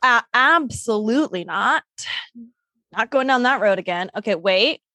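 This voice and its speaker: A young adult woman co-hosting a podcast in casual, comedic chat, blunt and dramatic and quick to swear. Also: on the high side, lively intonation, pushed and bright, dry recording. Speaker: podcast co-host.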